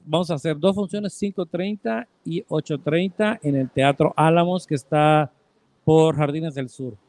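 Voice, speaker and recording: Mexican man, talk-show guest, fairly high voice, long chatty explanations. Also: a little slow, darkish tone, no echo. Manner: explains at length, often checks in with "¿no?". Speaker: guest, theater academy art director. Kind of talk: casual interview talk.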